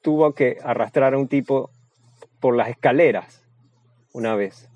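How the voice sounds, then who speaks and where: A man's voice: mid-range voice, measured pace, dry recording, narrow, tinny audio. A man giving a blunt, crude and boastful seminar talk as a Spanish voice-over, often restarting his phrases. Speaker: seminar speaker.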